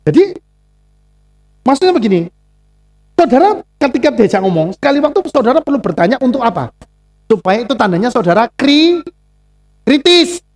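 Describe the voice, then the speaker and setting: Male pastor, Javanese accent, lively sermon delivery, pitch swinging widely. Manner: animated, acts out dialogues with Javanese asides. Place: congregation church.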